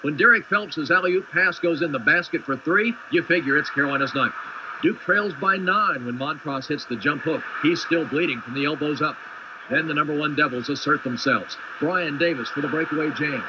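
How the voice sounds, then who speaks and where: A man narrating basketball highlights as a TV sports reporter, in clipped play-by-play phrases. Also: normal speed. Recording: noisy lo-fi 1990s TV broadcast.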